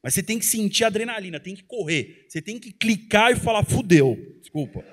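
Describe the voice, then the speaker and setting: A blunt, colloquial man in his thirties pushes a conference crowd hard, his voice sitting fairly high. He holds a handheld mic close as he talks from the stage of a large hall. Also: animated, brisk. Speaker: trader and co-presenter. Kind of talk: motivational talk on stage.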